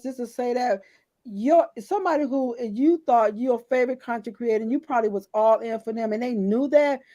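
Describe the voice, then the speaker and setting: A woman's voice: on the high side, warm tone. A middle-aged woman co-hosting a casual chat, talking bluntly and emphatically, with lots of agreeing interjections. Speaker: co-host.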